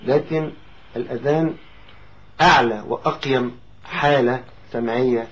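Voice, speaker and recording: A man with an Egyptian accent hosting an interview, measured and formal in his statements. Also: mid-range voice, highs cut off. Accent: Egyptian Arabic. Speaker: TV host.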